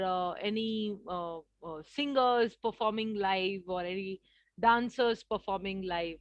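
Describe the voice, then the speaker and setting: A woman with an Indian English accent giving a workshop on communication in an expressive way, acting out contrasting voices, in what sounds like an online video session. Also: mid-range voice, no echo, muffled recording. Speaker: communication trainer. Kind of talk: live workshop lecture.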